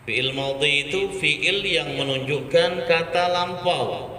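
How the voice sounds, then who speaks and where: Slow, bright-voiced man teaching Quran. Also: on the high side. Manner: patient, repeats Arabic words slowly and chants them. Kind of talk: slow Quran recitation lesson. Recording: echoey hall with faint ambience.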